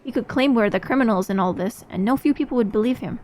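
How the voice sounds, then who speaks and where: A woman reading aloud a calm game companion explaining a plan, in a measured way. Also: fairly high pitch, a little hiss or hum, natural voice. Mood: planning.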